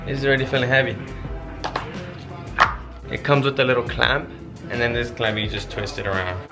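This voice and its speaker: A young vlogger rambles through a laid-back, chatty product review while working out on a covered outdoor patio, holding the camera close. He talks a little fast in a medium-pitched voice, with music in the background.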